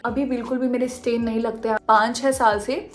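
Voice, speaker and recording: A young woman telling a personal story in a casual, animated way, mixing Hindi with English phrases. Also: on the high side, brisk. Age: young adult. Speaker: vlogger.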